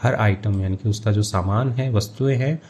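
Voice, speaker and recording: Mellow-voiced man teaching English. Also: lowish voice, slight background noise. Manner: reads English phrases slowly, then explains in Hindi. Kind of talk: line-by-line story translation lesson.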